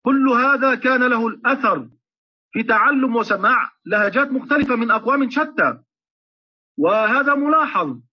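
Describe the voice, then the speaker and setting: A man teaching Quran recitation in an online lecture, explaining at length and slowing down to chant example verses. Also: very high voice, lively intonation, slightly rough. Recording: muffled lo-fi online audio.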